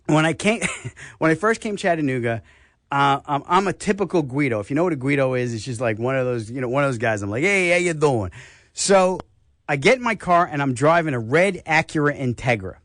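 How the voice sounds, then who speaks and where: An older man with a New York accent, hosting a radio health talk show and telling stories in a casual, animated way. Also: a little high, brisk, no echo, clean studio sound. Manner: animated storyteller, acts out voices.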